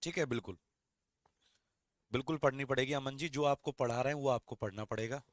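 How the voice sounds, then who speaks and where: A male teacher giving an online class, dictating points slowly and repeating phrases for students to copy, asking questions and answering them himself. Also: medium pitch, dry recording, studio quality.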